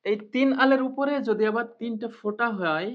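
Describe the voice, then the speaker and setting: Woman teacher drilling sounds, muffled. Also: fairly high pitch. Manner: patient, repeats and drills each sound slowly. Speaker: Quran reading teacher. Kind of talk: recorded lesson. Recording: muffled lo-fi recording.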